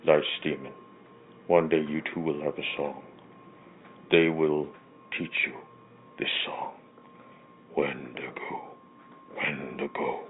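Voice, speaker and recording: A man's voice: a bass voice, little pitch movement, slow, long pauses. A man playing a sinister, theatrical, mystical villain, speaking ominously and grandly on a voicemail in an audio drama. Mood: eerie. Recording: noisy, tinny phone line.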